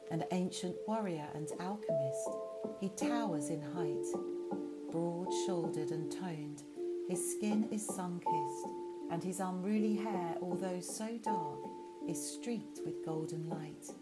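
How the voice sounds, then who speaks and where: A woman narrating a guided meditation journey in a slow, soothing second-person voice. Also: fairly low pitch. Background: loud music.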